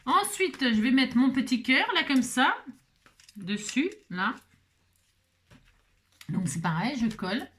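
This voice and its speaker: A woman's voice: high voice, sing-song, slow, pauses often, fairly bright tone. A woman hosting a home craft tutorial, chatting casually as she works and often checking in with the viewer, with plenty of fillers while she thinks aloud. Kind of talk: casual step-by-step craft demonstration.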